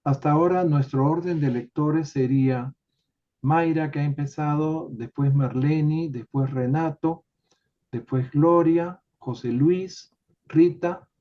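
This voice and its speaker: A man leading an online study group, explaining a text in an unhurried way with many tag questions, over a video call. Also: fairly high pitch. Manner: unhurried, adds filler tags and restarts. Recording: dull lo-fi call audio.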